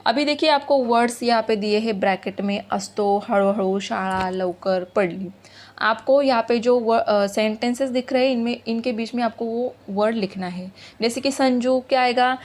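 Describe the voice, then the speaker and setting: Woman teacher, slightly high voice. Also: normal speed, darkish tone. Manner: explains patiently, reads words aloud and asks questions of the class. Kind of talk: explaining a school lesson to children.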